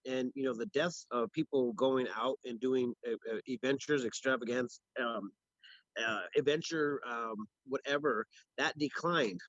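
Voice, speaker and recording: A man's voice: medium pitch, a little slow, fairly bright tone, no room sound. Rambling man on a muffled phone stream. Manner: rambling, many restarts and fillers. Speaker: co-host of a local news livestream. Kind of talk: casual ad-libbed chat.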